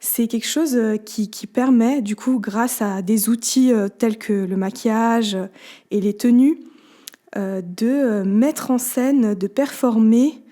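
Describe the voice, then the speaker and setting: A woman's voice: on the high side, slow, mellow. A woman in her twenties from Switzerland, a podcast guest who talks with many hesitations and fillers. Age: 20s. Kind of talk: conversational interview.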